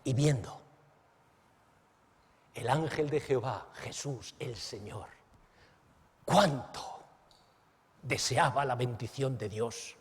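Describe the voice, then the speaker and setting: A man preaching a sermon as pastor. He is dramatic, swings between exclamations and hushed asides, and keeps asking the listeners questions. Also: mid-range voice, slow pace, long pauses, slightly rough, big-room sound. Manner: asks the listeners direct questions.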